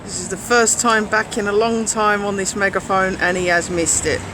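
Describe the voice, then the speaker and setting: A man's voice: sits high, fairly even intonation, moderate pace. A man co-hosting a casual livestream, urging viewers on emphatically and repeating words for stress. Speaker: livestream co-host. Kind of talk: casual live chat urging viewers to share. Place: outdoors on a London street. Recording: outdoor phone stream with street noise.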